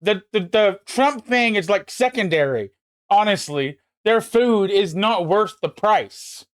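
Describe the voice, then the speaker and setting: A man's voice: high-pitched, expressive, slow pace, no room sound, clean studio sound. A man hosting a livestream, chatting casually and ranting with emphatic, profane complaints into a desk mic. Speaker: livestream host. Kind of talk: casual chat.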